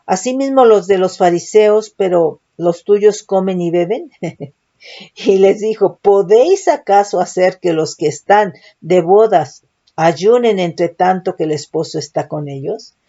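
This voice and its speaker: Woman teaching scripture, mellow lo-fi voice. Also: lowish voice, lively intonation, a little slow. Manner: reads scripture, adds frequent "¿verdad?" checks. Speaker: Bible teacher. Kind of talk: Bible study teaching.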